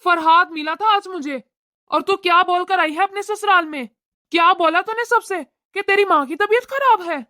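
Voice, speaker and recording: This is a scolding cartoon father, voiced by a woman. He lectures his wife and daughter in a very high, bright voice. The sound is dry and close to the mic. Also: moderate pace, no room sound. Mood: stern. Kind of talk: cartoon voice acting.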